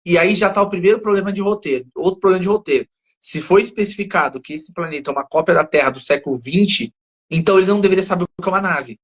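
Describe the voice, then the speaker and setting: A man's voice: high voice, fast, slightly rough. A man with a Brazilian Portuguese accent, co-hosting a podcast and picking apart a TV plot as he thinks aloud. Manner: analytical, thinks aloud, restarts often. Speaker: podcast co-host. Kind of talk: casual discussion of a TV episode.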